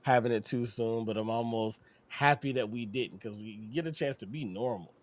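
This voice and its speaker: A man's voice: medium pitch, normal speed. A man co-hosting a podcast in casual chat, with an American accent and a jokey, playful way of telling stories. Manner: lively, jokey storytelling with playful asides. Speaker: podcast co-host.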